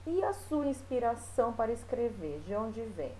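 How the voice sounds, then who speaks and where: Woman teacher going over class exercises, chatty and unhurried, bit of noise behind. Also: on the high side, very animated, dark tone, poor audio. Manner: explains slowly, with frequent fillers. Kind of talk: recorded remote class lesson.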